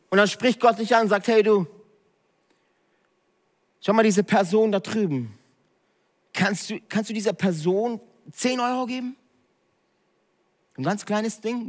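A man, preaching a direct sermon that swings between hushed and loud emphatic passages. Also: medium pitch, in a large hall. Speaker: pastor.

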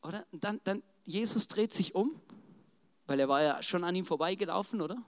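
A preacher telling a Bible story in a casual, slangy, animated way, often checking in with the congregation. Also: medium pitch, fairly quick. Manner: slangy, animated, keeps asking "right?". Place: church in front of a congregation. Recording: long church reverb.

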